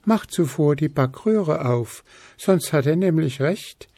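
A man's voice: a little high, lively intonation, takes it slowly, no room sound, studio quality, voice pushed up, exaggerated voice. A man voicing a cheerful young elf girl in a storybook, laughing as she talks. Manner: bright and laughing.

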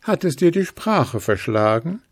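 Eager little rabbit children with high, bouncy voices, as a man puts them on. They chatter in a lively storybook tone, recorded close and dry. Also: unhurried, dry recording.

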